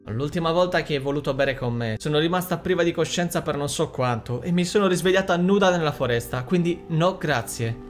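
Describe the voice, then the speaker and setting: A man voicing a calm, wary young woman in an audiobook. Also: a little high, a little fast, few pauses, soft background music, voice pushed up, close to an everyday voice.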